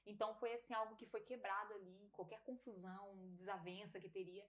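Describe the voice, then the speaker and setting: A Brazilian woman with a Brazilian Portuguese accent, telling a personal testimony as a podcast guest, animated and laughing often as she acts out dialogue. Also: mid-range voice, fairly quick. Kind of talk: casual testimony storytelling.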